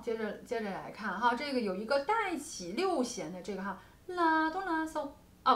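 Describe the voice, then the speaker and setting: In a music studio with an echoey room and a little hiss or hum, a woman with a mid-range voice teaches guqin technique. Her lesson includes demonstrations, and she explains patiently, using many soft particles.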